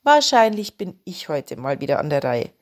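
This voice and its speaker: A woman's voice: deep voice, big pitch swings, normal speed, pitched below the performer's own voice. A woman voicing a confident talking summer dress. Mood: self-assured. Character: a chatty summer dress in a wardrobe, sure of itself. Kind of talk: storybook reading.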